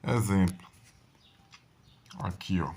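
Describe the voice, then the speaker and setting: Slow-talking male grammar teacher. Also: low voice, a little mellow. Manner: explains slowly with frequent "né?" checks. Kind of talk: exam-prep grammar lesson.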